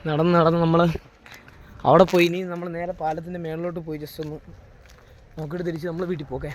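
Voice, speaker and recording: A man's voice: fairly high pitch, little pitch movement, fast. A young man chatting casually to camera as a travel vlogger, mixing English words into Malayalam. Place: outdoors and on the road. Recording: noisy outdoor phone audio, vehicle sounds.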